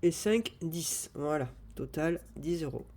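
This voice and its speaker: Woman vlogger, relaxed live chat, lower warm voice, counts aloud, faint room noise. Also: slow. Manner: chatty, thinks aloud while counting cash. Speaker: budgeting vlogger.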